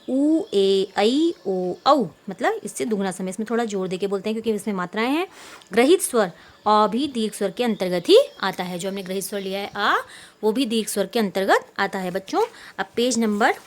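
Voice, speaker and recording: A woman teacher explaining grammar patiently to pupils, repeating points and answering her own questions, with English words mixed in. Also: fairly high pitch. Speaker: school Hindi teacher. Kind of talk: online class lesson.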